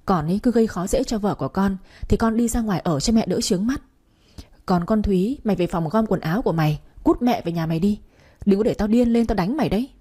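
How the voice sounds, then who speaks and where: A woman's voice: medium pitch, brisk, mellow, breathy edge, lightly acted. A woman voicing a stern, protective young husband in a story reading. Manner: stern, commanding.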